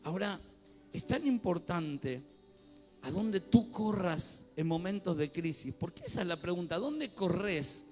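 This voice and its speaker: A man's voice: sits high, big pitch swings, measured pace, a little mellow, faint music behind. A man with a Rioplatense accent preaching a sermon as pastor in a church, talking conversationally and building to fervent swells. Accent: Rioplatense Spanish.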